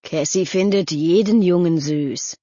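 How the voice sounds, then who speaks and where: A woman's voice: lowish voice, unhurried, dark tone, no room sound. A woman doing a level-headed teen boy. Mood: skeptical. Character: chubby, curious teenage boy Ben, level-headed. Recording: dull lo-fi audio.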